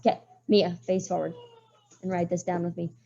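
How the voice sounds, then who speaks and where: A woman teacher leading a math class, talking students through each step and calling on them by name, her voice a little hoarse. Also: fairly low pitch, completely flat delivery, fairly quick, mellow, highs cut off. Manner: walks students through steps, calls on pupils by name. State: voice getting hoarse.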